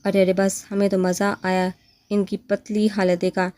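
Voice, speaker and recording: A woman reading as a cheerful elderly grandmother who waves off the fuss with amused indulgence. The recording is close and dry, and the pitch sits in the middle. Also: level tone, a little mellow, no echo, natural voice.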